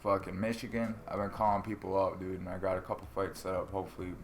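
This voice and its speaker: A man's voice: sits low, fast talker, a little hiss or hum. Foul-mouthed man telling a fight story. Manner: profane, animated, acts out quotes. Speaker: amateur fighter. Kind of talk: casual storytelling among friends.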